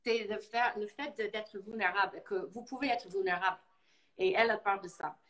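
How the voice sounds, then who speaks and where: Appearing as a guest in a casual live talk, a Boston woman whose first language is English speaks with an American accent and tells lively stories, mixing in English words now and then. She has a mid-range voice and talks fairly quickly, and the recording quality is low.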